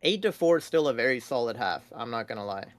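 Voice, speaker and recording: A man casting esports live with excited play-by-play, talking in a casual, slangy, exclamatory way. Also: medium pitch, fast, no room sound, studio quality. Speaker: esports caster.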